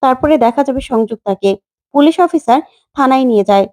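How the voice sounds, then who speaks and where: Fast-talking woman retelling a drama. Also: high-pitched, animated, a little mellow, no room sound. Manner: rapid, breathless retelling. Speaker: storyteller retelling a TV serial.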